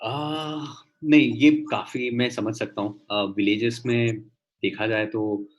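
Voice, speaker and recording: A man's voice: mid-range voice, fairly even intonation, slow pace. A man talking casually as a guest entrepreneur on a video call, with many fillers and restarts.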